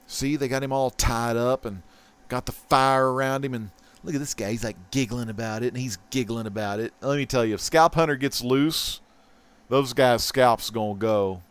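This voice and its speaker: A man hosting a casual comic book haul vlog, chatty and excitable, swinging from loud bursts to mumbled asides. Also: mid-range voice, moderate pace, clear, resonant tone. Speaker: host.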